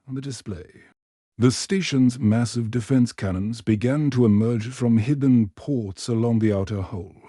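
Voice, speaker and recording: A man narrates a science fiction story in a steady, even way. His tone is mellow and dark, mid-pitched. The recording is dry and close. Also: dry recording. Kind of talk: scripted narration.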